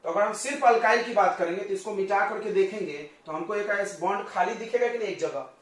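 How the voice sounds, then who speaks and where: A male coaching-class teacher giving a chatty chemistry lesson, joking with his students and firing quick questions at them. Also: high-pitched. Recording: very echoey classroom, distant mic.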